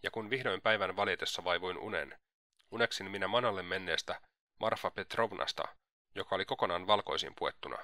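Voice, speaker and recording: A man's voice: low-pitched, pushed and bright, no room sound, studio quality. A man reading the lines of an anxious, fretful aging mother in an audiobook. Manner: fretful, pleading.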